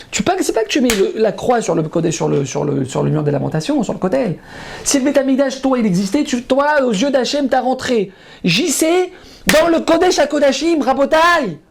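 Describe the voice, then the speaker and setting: A man who is a rabbi preaching a passionate sermon, repeating himself for emphasis and swinging from loud exclamations to low murmurs. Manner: emphatic and repetitive, often calling out to listeners. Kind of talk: impassioned sermon.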